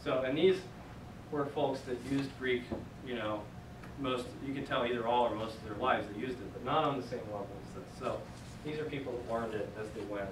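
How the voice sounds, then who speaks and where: In a church meeting room, a distant camera records a young man giving a Greek class lecture, so the sound is echoey and noisy. He talks in a casual, conversational way with many fillers. His mid-range voice moves a little fast.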